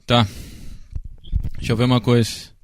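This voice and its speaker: A man's voice: medium pitch, completely flat delivery, moderate pace, smooth. A man hosting an interview over a video call, speaking plainly and patiently. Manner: plain, patient, checking the connection. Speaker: interviewer, host.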